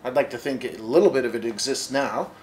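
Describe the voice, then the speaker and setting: A man's voice: medium pitch, brisk, slight background noise, low-quality recording. A man in his sixties, an author and long-haul trucker, telling stories in an easygoing, wry way during a bookstore interview, seated in an armchair with a lapel mic. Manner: wry, easygoing, drifts quieter as he goes on. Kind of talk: casual interview storytelling.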